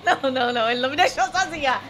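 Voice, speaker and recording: A young Brazilian woman chatting with a friend as a scared, excitable horror game streamer who shrieks and pleads. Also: sits high, racing, noisy background. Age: young adult. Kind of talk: live gameplay chat with a friend.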